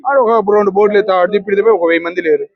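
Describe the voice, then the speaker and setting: A man, answering a street interview with combative, rapid-fire rhetorical questions. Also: high-pitched, vocal fry, dry recording, highs cut off.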